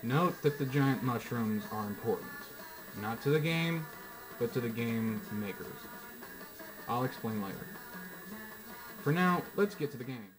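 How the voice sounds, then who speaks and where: A man gives casual commentary on a video game he is reviewing. His voice sits at a middle pitch, and he breaks his points into short, halting phrases with asides. There is music in the background. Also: lively intonation, poor audio.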